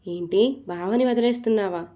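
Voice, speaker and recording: A woman's voice: mid-range voice, a little fast, mellow, natural voice. A woman voicing a worried, teasing younger sister in an audio story.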